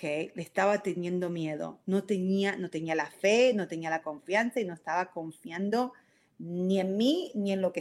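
A woman, telling viewers a personal story in an emotional, animated way, dropping in English fillers and checking in with "ok?". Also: mid-range voice. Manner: frequent "¿ok?" check-ins to the audience.

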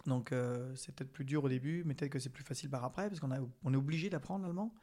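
Fast-talking man, full of restarts. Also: medium pitch, warm tone. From France. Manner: fast, hesitant, many restarts and fillers. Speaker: guest. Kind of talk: casual podcast conversation.

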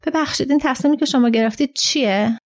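A woman's voice: sits high, voice pushed up. A woman reading the lines of a startled, uneasy middle-aged man in a storybook reading. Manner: unsettled, questioning.

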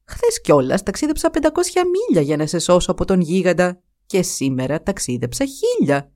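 A woman puts on a low, gruff male spirit in a storybook tale, scolding and lecturing in a voice that rises and falls widely. He sounds weary and stern, every word a reprimand. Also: very animated, mellow. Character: stern bossy male spirit, hare's older brother. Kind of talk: storybook reading.

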